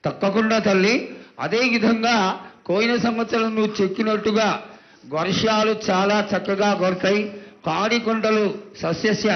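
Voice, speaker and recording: A man's voice: high-pitched, muffled recording. A man speaking as a priest, reverently pleading with and questioning a mother goddess in a devotional, supplicating way.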